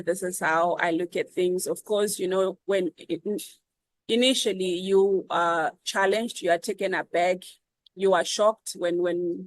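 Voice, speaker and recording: Zimbabwean woman guest, earnest, fairly low-pitched, unhurried with frequent fillers. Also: dry recording, rough recording. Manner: earnest, measured, many ums and repeats. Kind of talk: reflective interview answers.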